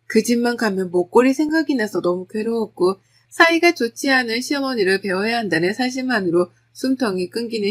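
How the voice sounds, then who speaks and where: A middle-aged woman narrating her own family story in a steady, confessional first-person retelling. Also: fairly high pitch.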